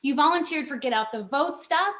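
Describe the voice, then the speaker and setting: A woman's voice: high voice, animated, brisk, a bit bright. A woman co-hosting a video-call event, introducing guests with bubbly enthusiasm. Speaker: co-host, emcee. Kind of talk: upbeat emcee introductions.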